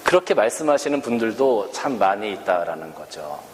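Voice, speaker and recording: A man's voice: on the low side, very animated, brisk, a little hiss or hum. A male pastor from Korea preaching a sermon with rhetorical questions and acted-out quotes. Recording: echoey church hall, faint ambience.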